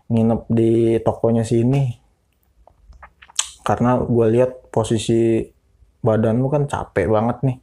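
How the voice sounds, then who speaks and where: A man casually telling a ghost story, animated and acting out other people's lines. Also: mid-range voice, a little slow, pauses often, a little hiss or hum. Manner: animated, quotes people in voices. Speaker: guest storyteller.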